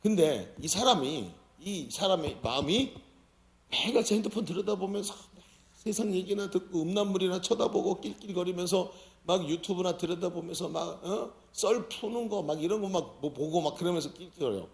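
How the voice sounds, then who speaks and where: A man's voice: high-pitched, normal speed, creaky. A man preaching a sermon as senior pastor, often asking the congregation questions. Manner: lively, questions the audience often. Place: church sanctuary. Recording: roomy church hall.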